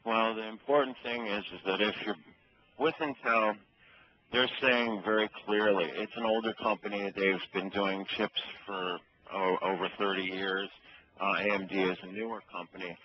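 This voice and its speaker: A man's voice: lowish voice, steady tone, moderate pace. A man explaining things over the phone like a store employee, in a matter-of-fact, instructive way. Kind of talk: explanatory customer-service phone talk. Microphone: telephone. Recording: muffled, faintly noisy phone line.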